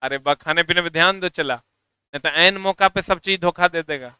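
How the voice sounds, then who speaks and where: A man's voice: on the high side, normal speed, sharp tone, clear, resonant tone, dry recording. A man teaching a physics class, teasing his students and drilling them with repeated chants.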